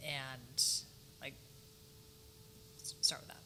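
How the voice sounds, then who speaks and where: A woman's voice: rumbling low, little pitch movement, slow, bright, forceful tone. A woman interviewing a client, asking questions with an encouraging, chatty manner. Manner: encouraging, frequent "mm-hmm" and "yeah". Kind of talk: casual interview. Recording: roomy reverb with faint background noise.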